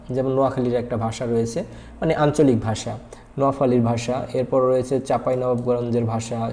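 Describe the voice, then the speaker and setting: A man's voice: mid-range voice, mellow. A male teacher giving a whiteboard grammar lesson, patient and repetitive, asking and answering his own questions with many hesitation fillers.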